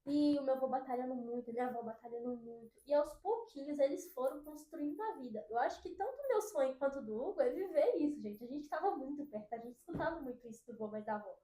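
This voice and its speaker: A young woman hosting a casual faith-minded chat, talking warmly and directly to her listeners. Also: high-pitched, animated, fast, few pauses. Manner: chatty, addresses listeners as "gente". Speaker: podcast host. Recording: roomy echo.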